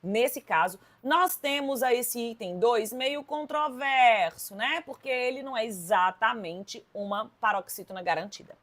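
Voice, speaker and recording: A woman's voice: a little high, measured pace, hardly any pauses. Emphatic Brazilian woman teaching a lesson. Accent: Brazilian Portuguese. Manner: lively, emphatic, addresses students directly. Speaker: Portuguese teacher. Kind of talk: exam-prep lesson.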